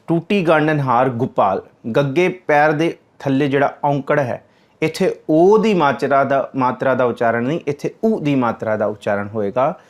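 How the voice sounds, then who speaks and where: A man giving a religious discourse on scripture, explaining patiently and repeating key words, reciting verses slowly in a sing-song way. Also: mid-range voice. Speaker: Sikh scripture teacher.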